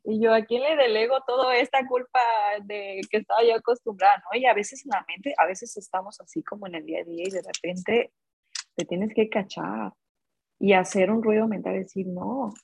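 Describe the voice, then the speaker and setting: A woman's voice: medium pitch, moderate pace, creaky, darkish tone, husky. A woman in casual conversation, hesitant, with many fillers and restarts.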